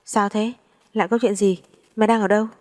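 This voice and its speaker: A woman's voice: mid-range voice, flat delivery, fairly quick, voice pushed up, natural voice. A woman voicing a blunt, impatient, foul-mouthed young woman who scolds her friend like an older sister in a story reading. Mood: scolding.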